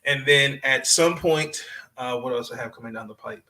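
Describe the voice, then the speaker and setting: A male sports podcast host with a bright, forceful voice of medium pitch. He talks casually and off the cuff. His delivery is halting, and he often repeats a phrase before moving on. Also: rough recording. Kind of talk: casual unscripted sports talk.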